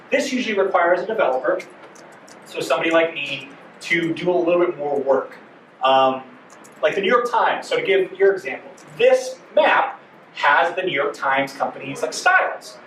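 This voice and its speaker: A man presents a conference workshop in a loose, chatty way that is full of fillers. His voice sits a bit high for a man. It is picked up from a distance in a roomy hall. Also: fairly bright tone, slight background noise. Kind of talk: conference breakout talk. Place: conference room.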